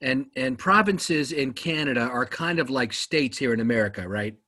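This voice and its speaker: Husky-voiced enthusiastic male podcast host. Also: mid-range voice, animated, moderate pace, bright, forceful tone. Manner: enthusiastic, many ums and uhs. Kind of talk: casual podcast talk.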